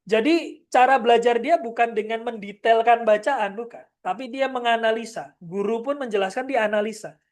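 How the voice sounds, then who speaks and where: A woman's voice: on the high side, normal speed, darkish tone. A woman giving a parenting seminar in a direct, firm manner, often turning to address the parents in the audience. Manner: acts out short parent-child exchanges. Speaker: parenting trainer. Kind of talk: seminar lecture.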